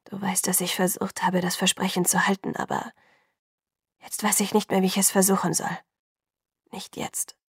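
A woman voicing a hostile, barely restrained young man in an audiobook, pitched a little low. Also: completely flat delivery, moderate pace, pauses often, breathy edge, no room sound, whispered, studio quality. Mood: hushed.

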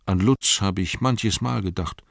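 A man's voice: low-pitched, a little slow, vocal fry, no room sound, clean studio sound, exaggerated voice. A man voicing a humble, loyal hobbit servant who speaks politely and earnestly, in a storybook reading.

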